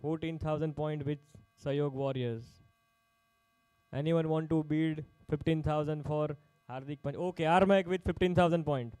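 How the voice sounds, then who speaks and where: A man's voice: fairly high pitch, steady tone, normal speed, dark tone, clear, resonant tone, no room sound, low-quality recording. A man working as an auctioneer at a live sports player auction, calling out bids in short, repeated phrases.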